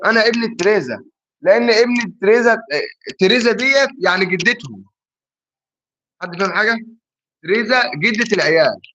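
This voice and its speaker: A man's voice: high-pitched, lively intonation, brisk, pauses often, sharp tone, muffled recording. A man with an Egyptian Arabic accent hosting a casual livestream, playfully teasing viewers as he reads their answers to a riddle. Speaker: livestream host. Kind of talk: casual livestream chat reading viewer comments.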